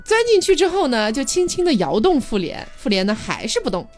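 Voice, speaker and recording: A woman with a slightly high voice casually retells a classic ghost story, acting out each character's lines. Her pitch moves in a lively, animated way. Faint music plays in the background. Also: fairly quick. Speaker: podcast host storyteller.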